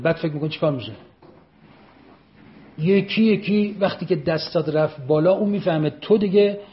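A man with a somewhat high voice delivers an emphatic political speech. He repeats his phrases and presses the audience with pointed rhetorical questions. The recording sounds dull and lo-fi. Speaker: speaker addressing an audience.

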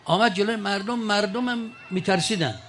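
A man's voice: high-pitched, fairly bright tone, some chatter behind, a little hiss or hum. An older man speaking to an audience in a colloquial storytelling manner, with mocking asides.

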